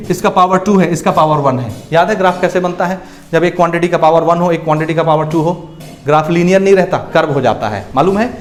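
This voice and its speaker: A male physics teacher lecturing at a board. He keeps asking whether his students understood, and he drops low and soft when he answers his own questions.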